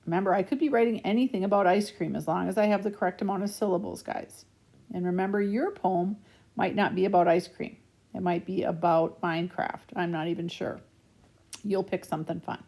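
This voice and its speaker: Young woman as a grade-school teacher in a recorded remote lesson; mellow tone with some vocal fry, patient, keeps asking "okay?". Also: on the low side, fairly even intonation, fairly quick. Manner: patient, checks in with frequent "okay?".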